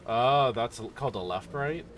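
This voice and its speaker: A man's voice: medium pitch, animated, unhurried, a bit bright, a little hiss or hum. A tired man casually commenting on a driving game as he plays, rambling and yawning with lots of fillers. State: sleepy. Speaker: streamer.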